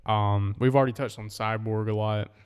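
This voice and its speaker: Young man with a smooth, echoey voice. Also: on the low side, steady tone, moderate pace, soft background music. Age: 20s. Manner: easygoing, leads the rundown with frequent ums. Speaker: podcast co-host. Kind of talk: casual chat.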